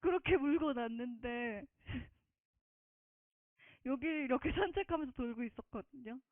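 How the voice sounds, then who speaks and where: Frequently on the verge of tears, a woman shares a heartfelt account of her faith. She speaks at an ordinary pace in a voice that sits high, captured dry and tinny like a phone call, with no echo.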